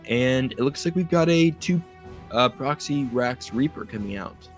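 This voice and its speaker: A man's voice: mid-range voice, lively intonation, a little slow. Man, esports caster, live commentary, explanatory, headset, faint background music. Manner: chatty, explains plays.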